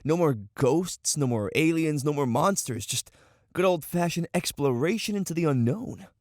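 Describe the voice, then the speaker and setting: A man's voice: on the high side, expressive, normal speed, darkish tone, no room sound, studio quality, natural voice. An actor playing a sarcastic, jokey young male newcomer agent in an audio drama. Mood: wry.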